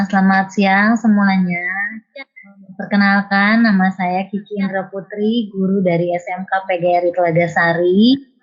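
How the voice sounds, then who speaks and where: A woman's voice: medium pitch, lo-fi sound. A woman teacher and trainer giving a formal testimonial over an online call whose audio keeps breaking up, speaking with frequent hesitant fillers. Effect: choppy call audio breaking up. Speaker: teacher and soft-skills trainer. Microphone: video call.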